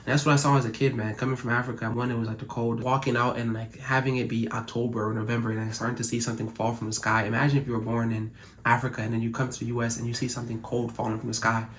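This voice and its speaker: A man's voice: medium pitch, little pitch movement, very fast, a bit bright. A young man from Cameroon whose first language is French, talking earnestly to camera in a casual, reflective way. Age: young adult. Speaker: YouTuber.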